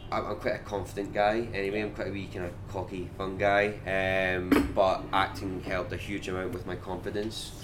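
Speaking at normal speed with few pauses, a deep-voiced man with a Scottish accent gives an interview as a whisky brand ambassador. His talk is casual, animated and full of "like," and the recording has a noisy background.

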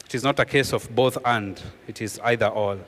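A man preaching a sermon as pastor, earnestly repeating key phrases and dropping his voice low for emphasis. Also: a little fast, a bit bright, big-room sound.

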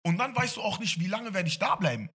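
A man's voice: sits high, big pitch swings, fast, sharp tone, breathy edge. A man from Congo, a DJ guest on a podcast, talking casually and emphatically and slipping in English phrases. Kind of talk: casual chat.

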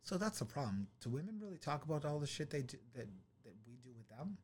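Animated, crude-talking man. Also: a little high, fast, slightly rough. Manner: animated, swearing, laughs often. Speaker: podcast co-host. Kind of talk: crude casual banter.

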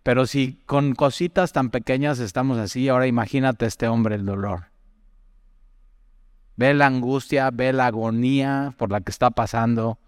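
A man gives a conversational Bible talk, often turning to the listener with questions and stories from his own life. His voice is smooth and clean, with a long trailing reverb behind it. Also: mid-range voice, steady tone, normal speed, studio quality. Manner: chatty, asks the listener direct questions, tells personal stories. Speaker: Bible teacher.

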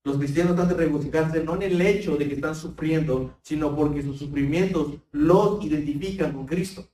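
Fervent pastor in a roomy hall. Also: male voice, a little high, moderate pace, mellow. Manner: fervent, repeats words and addresses the congregation as brethren. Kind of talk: sermon. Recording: roomy sound, voice far from the mic.

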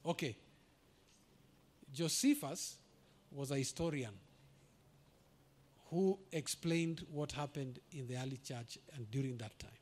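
A man preaching a sermon as pastor, emphatic and building to shouts, with asides in Swahili. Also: mid-range voice, slow, long pauses.

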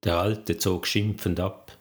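A man narrating a crime novel in a steady, measured storytelling manner. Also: low-pitched. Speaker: audiobook narrator.

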